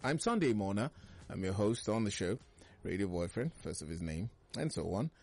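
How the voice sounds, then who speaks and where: Smooth radio host man. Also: on the low side, sing-song, darkish tone. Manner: chatty, playful, drawn-out emphasis. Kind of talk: morning radio newspaper review.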